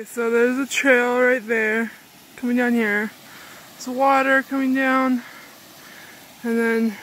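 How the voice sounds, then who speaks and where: Young woman, trail vlogger, slow easygoing talk, tired, arm's-length phone outdoors, faint hiss. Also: fairly high pitch, rough recording. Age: young adult. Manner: chatty, rambling, laughs often, talks while walking. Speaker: thru-hiker vlogger. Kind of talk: casual trail vlog. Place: outdoors in a mountain forest. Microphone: phone camera held at arm's length.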